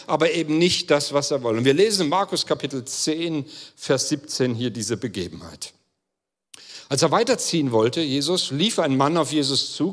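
A man preaching a sermon as pastor, speaking earnestly and emphatically straight to his listeners. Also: a little high. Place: church hall. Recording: long church-hall reverb.

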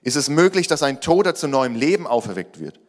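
A man preaching a sermon. He is animated and raises his voice to act out quoted lines, then drops low and quiet for emphasis. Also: a little fast. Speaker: pastor.

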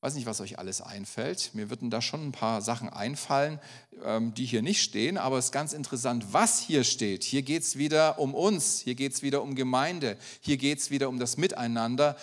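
A man's voice: medium pitch, moderate pace, long reverb tail. A man preaching a sermon in a church, often putting direct questions to the congregation. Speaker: pastor.

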